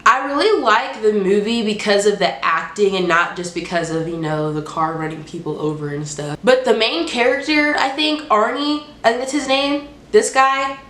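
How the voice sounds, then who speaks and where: Barely pausing, a woman talks at a normal speed in a medium-pitched, slightly bright voice as she hosts a top ten movie countdown, reviewing films in chatty, expressive slang. Her allergies make her congested and nasal, like someone holding their nose. The audio comes from a handheld phone in a roomy, echoing home.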